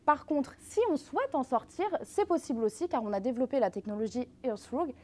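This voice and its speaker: A woman with a slightly high voice gives a live product demonstration. She speaks as a brand representative, explaining features step by step and addressing the audience directly. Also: lively intonation, fairly quick, darkish tone. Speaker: brand representative presenting earbuds.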